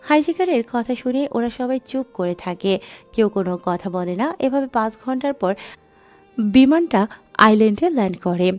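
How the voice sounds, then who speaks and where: A woman narrating an audio drama in a steady storytelling manner. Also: fairly high pitch, moderate pace, soft background music.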